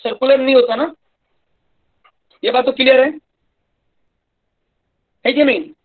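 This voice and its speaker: Speaking at a racing clip with an extremely high pitch and a steady tone, this North Indian-accented man teaches an engineering class live online. His explanations are hesitant and repetitive, captured in dull, lo-fi online-class sound.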